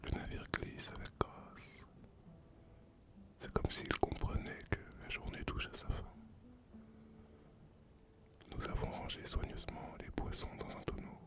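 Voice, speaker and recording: A performer voicing a solitary male sea captain and former pirate in a whispered role-play, breathy and unvoiced, telling the tale slowly and poetically to the listener. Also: natural voice. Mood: wistful, serene. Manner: slow, poetic storytelling addressed to the listener.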